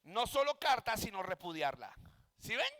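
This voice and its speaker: A man's voice: sits high, very animated, moderate pace, pushed and bright, in a large hall. A male pastor teaching a Bible exegesis class, speaking emphatically, asking rhetorical questions and saying "amen" often.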